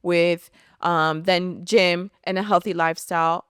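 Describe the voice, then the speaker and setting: A woman's voice: lowish voice, fairly even intonation, unhurried, clean tone, dry recording, studio quality. A woman telling her personal faith testimony in an earnest, storytelling way, often saying "like". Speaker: podcast guest sharing testimony.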